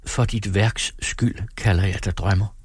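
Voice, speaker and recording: A man reading aloud, voicing a gentle, knowing young woman who speaks softly and tenderly. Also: fairly low pitch, fairly even intonation, slightly rough, no echo, clean studio sound. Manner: soft, tender, quietly certain.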